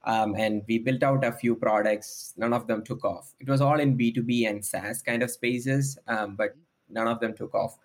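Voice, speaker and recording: A man's voice: mid-range voice, fairly even intonation, normal speed. A man, a startup founder talking through his career in a podcast interview, thoughtful and hesitant with many ums. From India.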